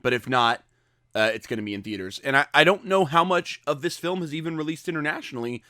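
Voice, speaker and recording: Guy with a bright crisp voice musing thru podcast chat, totally dry no room echo. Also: fairly high pitch, expressive, fast. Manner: thoughtful, hedging. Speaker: podcast co-host. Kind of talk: casual chat.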